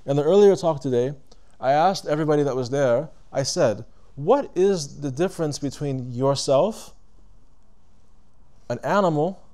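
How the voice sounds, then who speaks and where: A man's voice: a little high, dark tone. A man giving a reflective religious lecture to a live audience, talking conversationally, putting questions to listeners and stopping to rephrase. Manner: deliberate, stops to rephrase.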